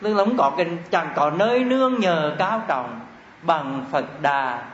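A man teaching a Buddhist doctrine class, asking the room questions and chanting terms slowly. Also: fairly high pitch, lively intonation. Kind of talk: classroom dharma lesson. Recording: echoey room, dull lo-fi sound, faint hiss.

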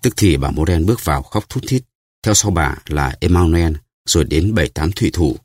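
A man narrating an audiobook in a steady, even storytelling manner. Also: sits low, fairly quick, no room sound, clean studio sound.

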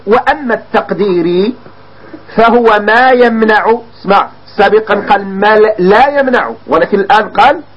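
A man with a Moroccan Arabic accent teaching grammar, repeating definitions slowly and quizzing his students with questions. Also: very high-pitched, breathy edge. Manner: slows down to dictate key definitions word by word. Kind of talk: classroom lesson on Arabic grammar. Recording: dull lo-fi lecture recording.

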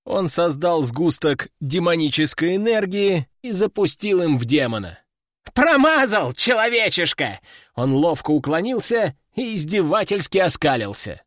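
Lively high-voiced male audiobook narrator. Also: normal speed, hardly any pauses, no echo, studio quality. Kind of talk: first-person audiobook narration.

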